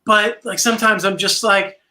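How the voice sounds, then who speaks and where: A man's voice: high-pitched, steady tone, bright, forceful tone. A man hosting a casual interview, chatting and agreeing readily with his guest. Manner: agreeable, quick affirmations. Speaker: interview host.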